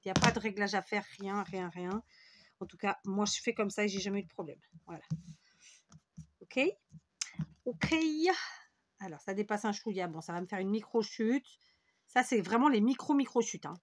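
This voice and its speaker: French lady chatting thru a scrapbook tutorial, rambly, pokes fun at herself, mid pitch. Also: moderate pace, long pauses, no echo. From France. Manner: rambling and self-mocking, talks while working. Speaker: scrapbooking video host.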